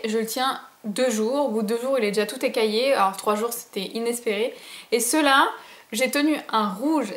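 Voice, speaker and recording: A young woman from France chatting enthusiastically to camera about her beauty purchases, with many fillers. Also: on the high side. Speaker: beauty vlogger. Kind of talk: casual haul chat to camera. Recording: echoey room.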